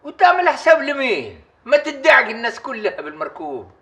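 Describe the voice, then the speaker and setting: A stubborn bedridden old chief. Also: male voice, very high-pitched, sing-song, fast, bright, forceful tone, full character voice. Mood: scolding. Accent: Upper Egyptian. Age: older. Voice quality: commanding, scolding. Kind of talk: period TV drama acting.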